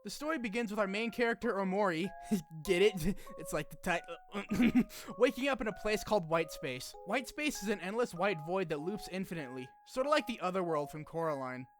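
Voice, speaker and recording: Over background music, a man hosts a video essay, blending scripted narration with casual jokes and some swearing. His voice is high-pitched and animated, and he talks fairly quickly.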